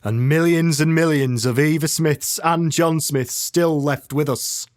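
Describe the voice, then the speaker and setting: A man's voice: a little high, fairly even intonation, pitched above the performer's own voice, close to an everyday voice. Man doing a grave, stern inspector. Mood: solemn. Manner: slow, solemn, rising to forceful. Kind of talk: dramatic monologue reading.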